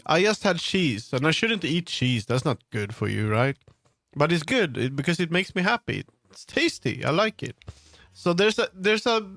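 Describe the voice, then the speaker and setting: Slightly high and a bit bright, this man's voice comes through with no room sound. He's a game developer on a livestream, casually chatting as he works, musing aloud and frequently leaving sentences unfinished while background music plays.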